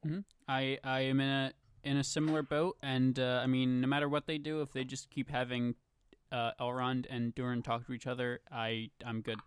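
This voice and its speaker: A man's voice: mid-range voice, flat delivery, moderate pace, clean tone. A man co-hosting a casual podcast chat, teasing his friends in a dry, laid-back way. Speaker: podcast co-host.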